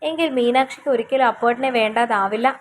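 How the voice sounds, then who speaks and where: A woman voicing a shy, tearful young girl in love, speaking earnestly and softly. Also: a little high, fast talker, slight background noise, natural voice.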